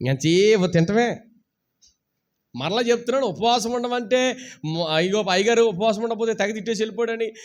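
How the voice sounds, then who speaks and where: A man with a notably high voice preaches a sermon to his congregation. He keeps throwing rhetorical questions at the listeners and urges them to shout hallelujah. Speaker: pastor. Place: church service streamed live.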